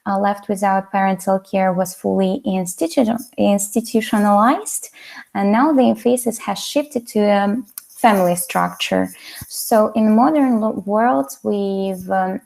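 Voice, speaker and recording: A woman's voice: medium pitch, creaky, darkish tone. A young woman from Kazakhstan gives an academic webinar presentation over a video call, earnest and full of fillers and restarts. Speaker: doctoral student presenter.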